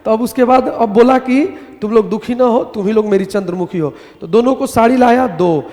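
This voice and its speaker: This live grammar lesson comes from a man speaking briskly in a high-pitched voice, with the sound of a big room. He relies on lively little stories and poses questions only to answer them himself.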